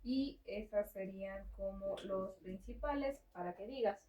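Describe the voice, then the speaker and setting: Speaking a little slowly at a medium pitch, a woman tutors French informally at home, guiding her learner step by step with patience and frequent check-ins. She sounds far from the mic in a roomy space, with a crowd audible behind her.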